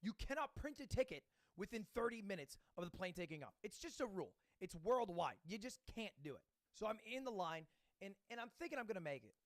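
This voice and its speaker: A man's voice: high-pitched, big pitch swings, fairly quick, a bit bright, dry recording, clean studio sound. A man streaming, casually telling a self-mocking story to his chat and acting out the other people in it. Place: home streaming setup.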